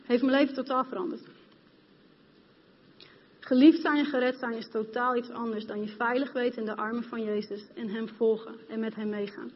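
Brief: female preacher, fairly high voice, passionate and direct with the congregation, long hall reverb, dull recording. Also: steady tone, normal speed, slight background noise. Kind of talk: sermon. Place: church hall.

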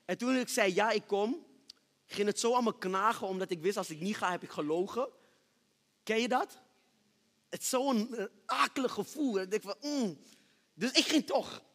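High-voiced preacher in a reverberant hall. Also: male voice, normal speed. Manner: builds from hushed storytelling to loud shouted praise. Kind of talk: sermon testimony. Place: church stage with reverberant hall.

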